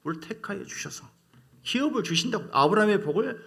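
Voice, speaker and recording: A middle-aged male pastor preaching a sermon, swinging from quiet passages to loud exclamations. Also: high-pitched, lively intonation, quick pace, gravelly.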